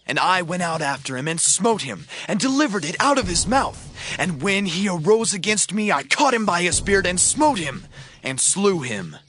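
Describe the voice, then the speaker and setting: An actor playing a bold, devout young shepherd in a dramatized scripture reading, declaiming with passion. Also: male voice, high voice, sing-song, moderate pace, sharp tone, a little hiss or hum, exaggerated voice. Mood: confident.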